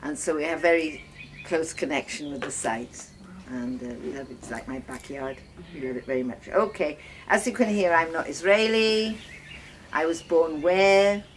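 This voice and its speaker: Filmed by one of her guests in noisy home-video footage, an older woman from Wales who runs guest lodging and is married to a farmer shares her life story with visitors. Her low voice falters now and then as she reminisces in a relaxed, chatty manner.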